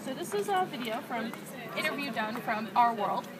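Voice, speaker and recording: Brisk female street interviewer, higher voice; distant mic, loud crowd noise. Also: lively intonation. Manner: brisk, scripted introduction.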